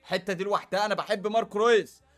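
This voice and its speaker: Fast, bright Egyptian gaming YouTuber. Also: male voice, high-pitched, faint music behind. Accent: Egyptian Arabic. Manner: animated, swings between loud outbursts and muttering. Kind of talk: excited game pack-opening commentary.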